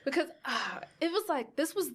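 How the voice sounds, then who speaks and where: Animated swearing woman podcast co-host. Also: high voice, normal speed. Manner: animated, laughing, swears freely, acts out quotes. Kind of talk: casual chat.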